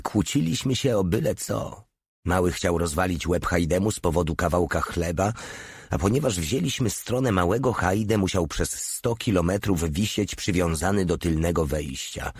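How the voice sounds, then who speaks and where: A man narrating an audiobook in a steady, measured reading. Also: low voice, breathy edge, dry recording, studio quality.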